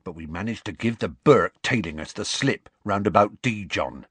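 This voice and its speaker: A male reader voices a big, gruff half-giant groundskeeper, low and husky, rumbling along in a rustic dialect with lively swings in tone. The storytelling moves at normal speed in a dry, close recording.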